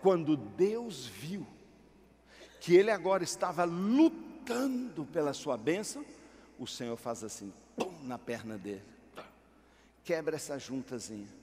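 A male pastor preaching a sermon in an animated way, full of rhetorical questions. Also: on the high side, measured pace, long reverb tail.

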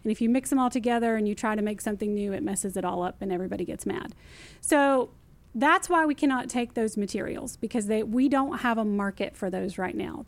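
A woman, a recycling expert explaining things in a casual interview, lively and emphatic, repeating her key phrases. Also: fairly high pitch. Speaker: city recycling guest expert.

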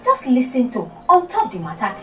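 A woman's voice: high-pitched, wildly swooping pitch, normal speed. A woman with a Nigerian accent giving a promotional announcement in Nigerian Pidgin. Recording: roomy, distant, light music.

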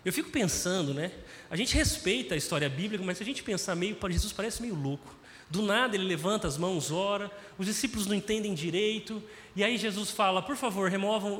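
A man's voice: high-pitched, a bit bright, slight background noise. A man preaching a sermon, telling the story and acting out its scenes. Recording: long hall reverb.

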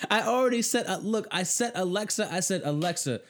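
A man's voice: high-pitched, brisk, a bit bright. A man chatting casually about his kids, talking loosely with lots of slang, and acting out how he scolds them. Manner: casual slang, says bro often. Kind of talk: casual chat.

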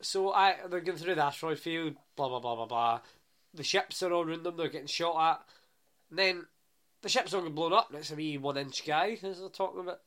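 A man's voice: a little high, a little fast, fairly bright tone. A young Scottish man co-hosting a podcast, bantering bluntly, teasing and swearing casually while recapping. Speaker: podcast co-host. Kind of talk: casual chat.

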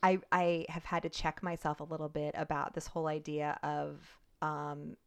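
A woman in her forties talks as a podcast guest, her voice sitting low. She reasons aloud in a relaxed, searching way, circling back to check that her listener follows. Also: normal speed, gravelly, clear, resonant tone. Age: 40s. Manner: reflective, thinks aloud with frequent "like" and "right?". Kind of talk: conversational interview.

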